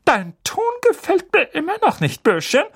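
A man voicing a loud, domineering older aunt in an audiobook, barking and scornful. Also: very high-pitched, big pitch swings, normal speed, voice pushed up, heavily acted. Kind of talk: audiobook character voice.

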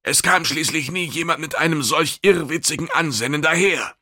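A man's voice: moderate pace, pushed and bright, dry recording, studio quality, full character voice. A man voicing a stubborn, pedantic alien customs master in an audiobook. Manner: high, strained, indignant.

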